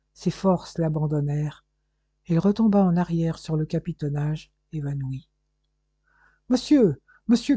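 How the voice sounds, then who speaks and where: A man reading an audiobook aloud in a steady, measured narration. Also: on the high side, breathy edge, dry recording. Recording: dull lo-fi recording.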